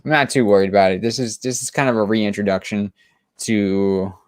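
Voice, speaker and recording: A man with a low-pitched voice chats about comics in an eager, meandering way, often restarting his sentences. The sound is dry and close, with no room around it. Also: fairly even intonation, fairly quick, dry recording. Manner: enthusiastic, rambling with many restarts and fillers. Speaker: co-host of a comic book show. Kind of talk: casual chat.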